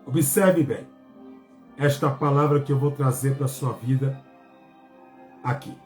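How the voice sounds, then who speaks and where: A Brazilian man, a pastor giving a Bible study, who reads verses aloud and speaks every comma and period, with halting restarts. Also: mid-range voice, a little mellow, reverberant, faint music behind. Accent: Brazilian Portuguese. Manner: halting, with restarts and drawn-out words.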